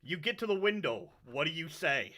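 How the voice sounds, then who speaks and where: Very bright-voiced man running a game. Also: fairly high pitch, very animated, moderate pace. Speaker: game master. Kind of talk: casual tabletop game narration and chat.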